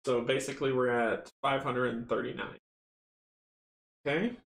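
A man's voice: mid-range voice, fairly even intonation, normal speed, gravelly. A middle-aged man giving casual board game playthrough commentary, thinking aloud and reading rules at home. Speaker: solo board game player and host. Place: small indoor home game room. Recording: roomy, faint background noise.

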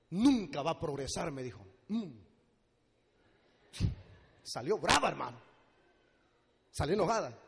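A man preaching a sermon in a church, moving from quiet storytelling to fervent shouted exhortation. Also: fairly high pitch, gravelly, husky. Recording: long church hall reverb.

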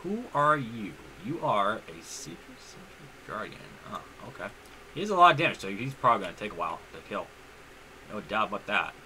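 A man chatting through a game session in a very bright, sharp-edged voice. His pitch bounces around a lot, and he rambles, stopping and restarting sentences as he goes. There is a faint hum behind him. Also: sing-song, brisk, poor audio. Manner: rambling, restarts often, leans on "honestly". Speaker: gaming YouTuber. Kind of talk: casual let's-play commentary.

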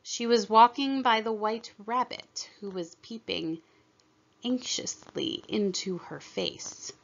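A woman's voice: a little high, slow pace, creaky, lo-fi sound. A woman storyteller reading a scripted children's narration aloud.

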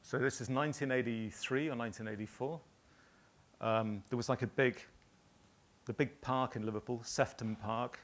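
A man in his fifties from northern England, a graphic designer telling rambling stories with many pauses to a live audience. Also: medium pitch, steady tone, fairly bright tone. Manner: rambling anecdotal storytelling with many ums. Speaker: graphic designer giving a talk.

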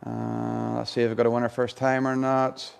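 In an indoor showroom unit with a car and screen, a man around forty runs a live prize draw, chatting colloquially and informally. His mid-range voice is monotone and clean in tone, with vocal fry, at a moderate pace.

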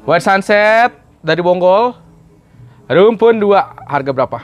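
Lively male plant-seller host, high and bouncy, jokes as he goes. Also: takes it slowly, a crowd in the background. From Indonesia. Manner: lively, repeats prices aloud, joking. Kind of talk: casual sales chat.

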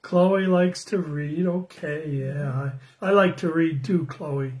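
An older man in his sixties giving a children's sermon on a phone livestream, slow and friendly, greeting viewers by name and asking the kids questions. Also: on the high side. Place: small room indoors at home. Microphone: phone camera close up.

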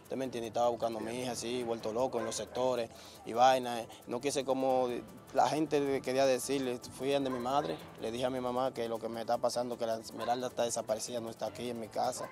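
A man's voice: mid-range voice, flat delivery, fast talker, darkish tone, faint music behind. A man, the father of a victim, retelling events in a rambling, agitated way during an outdoor street interview.

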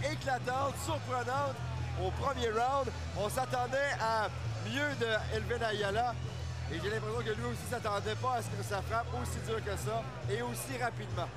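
A man with a Quebec French accent calling a boxing match live in an excited, exclamatory way. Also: high-pitched. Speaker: boxing commentator. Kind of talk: live sports commentary. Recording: loud arena crowd behind commentary.

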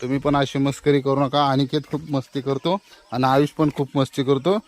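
A man's voice: medium pitch, level tone, fairly quick, darkish tone. A man, chatting to his viewers in a casual vlog and urging someone to come along, outdoors near a waterfall. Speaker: vlogger.

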